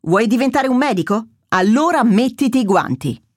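A woman's voice: fairly high pitch, expressive, normal speed, no room sound, studio quality, pitched above the performer's own voice. A woman reading the lines of a female trauma surgeon who gives curt, decisive orders. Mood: urgent. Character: commanding female trauma surgeon under pressure.

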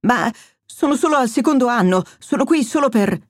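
A woman's voice: on the high side, lively intonation, fairly quick, no echo, studio quality, voice pushed up, close to an everyday voice. A woman reading the lines of a frightened young male medical student who hesitates and pleads. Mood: panicked.

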